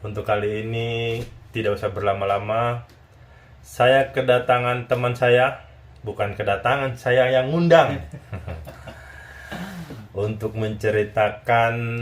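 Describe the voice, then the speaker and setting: A man's voice: on the low side, steady tone, slow. A man hosting a casual chat interview, talking in a teasing, chatty way and often seeking agreement. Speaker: YouTube channel host.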